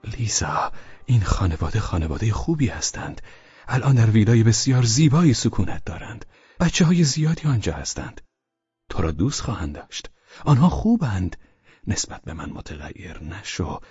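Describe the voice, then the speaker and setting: A man voicing an anxious, earnest gentleman in an audiobook, coaxing and pleading. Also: lowish voice, big pitch swings, breathy edge, no room sound, lo-fi sound, faint music behind, voice pushed up, exaggerated voice. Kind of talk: audiobook character voice.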